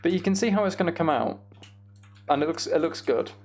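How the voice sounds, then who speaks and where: Here the streamer sounds a bit high and slightly mellow, animated and fairly quick as he talks casually to viewers during a live gaming session. He narrates his task under his breath step by step, over distinct background noise and keyboard clicks.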